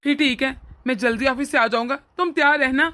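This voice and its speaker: A woman's voice: sits high, fairly even intonation, bright, forceful tone, a little hiss or hum. A woman voicing a hot-tempered young husband and doting brother in a cartoon. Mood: earnest. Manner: earnest, quick to anger. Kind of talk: cartoon voice acting.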